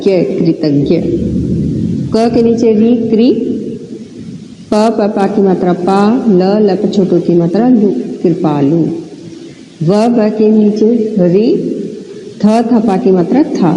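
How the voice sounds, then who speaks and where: A woman's voice: medium pitch, dark tone. A woman teaching Hindi spelling to children, sounding out words syllable by syllable and often checking that they follow. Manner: slow, syllable-by-syllable spelling with frequent check-ins. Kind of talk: classroom lesson, spelling words aloud. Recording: echoey room with long reverb, faint noise.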